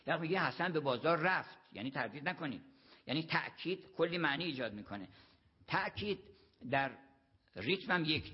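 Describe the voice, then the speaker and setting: Husky man chanting poetry rhythms. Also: mid-range voice. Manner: chants rhythms with syllables, recites verse slowly. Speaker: lecturer on poetry. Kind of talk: lecture with poetry recitation. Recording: dull lo-fi recording.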